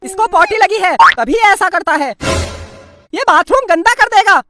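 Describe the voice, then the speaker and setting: A performer playing a sharp-tongued wife and mother who scolds and mocks her husband, in a noisy recording. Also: very high voice, lively intonation, measured pace. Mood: scolding. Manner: scolding, sarcastic.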